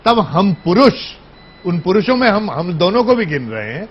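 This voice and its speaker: You're a TV debate anchor asking pressing questions over a choppy, glitchy link that keeps cutting out; keep your voice high, husky and lively, sounding muffled. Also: male voice, moderate pace. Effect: choppy, breaking-up remote audio link. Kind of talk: live TV panel questioning.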